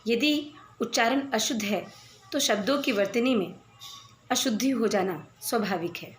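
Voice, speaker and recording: A woman teacher giving a school spelling lesson, reading word pairs aloud with careful, clear enunciation. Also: a little high, normal speed, a little hiss or hum. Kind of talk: slow, deliberate Hindi lesson. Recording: echoey room with faint background ambience.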